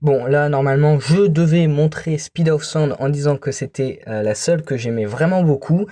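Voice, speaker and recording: A man's voice: on the high side, moderate pace, warm tone. A man casually explaining in a voice-over, plain and a little annoyed. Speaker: music reviewer.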